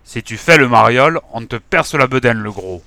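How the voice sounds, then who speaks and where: A man's voice: mid-range voice, lively intonation, normal speed, bright, forceful tone, no echo. A man playing a menacing gang leader. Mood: threatening. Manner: gruff and threatening. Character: menacing, nervous male gang leader with a squint.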